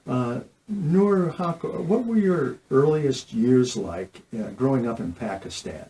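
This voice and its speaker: A man hosting an interview, asking questions in a halting way with frequent pauses. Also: medium pitch, mellow, a little hiss or hum, poor audio. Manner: halting, many "uh" fillers. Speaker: interviewer, host.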